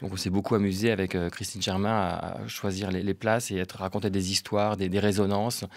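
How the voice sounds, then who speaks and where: A man in his fifties gives a radio interview, his fairly low voice stopping and restarting, repeating words and filling pauses. The studio sound is dry and close. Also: level tone, creaky, no echo. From Brittany, France. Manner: hesitant, many fillers and repeated words. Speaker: guest artist.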